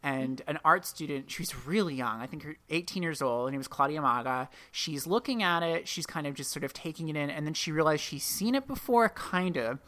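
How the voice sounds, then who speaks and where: A woman's voice: low-pitched, expressive, a little fast, few pauses, fairly bright tone. A woman hosting a podcast, telling a story in a rambling, self-correcting way. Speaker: podcast host. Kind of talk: casual podcast chat.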